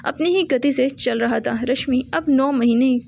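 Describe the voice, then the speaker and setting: A woman narrating a romance audio story in a steady reading voice with small restarts. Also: high voice, unhurried, creaky.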